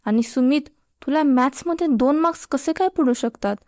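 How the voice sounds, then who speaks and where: A woman's voice: sits high, normal speed, a little mellow, no room sound, studio quality, pitched above the performer's own voice, natural voice. A woman voicing a stern but kind middle-aged male math teacher, scolding his students.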